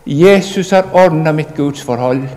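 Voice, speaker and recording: A man delivers an earnest, emphatic sermon and speaks straight to his listeners. His voice sits a little high for a man. It carries a long hall reverb. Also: warm tone, slight background noise. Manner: earnest, emphatic preaching, addressing the congregation directly. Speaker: preacher.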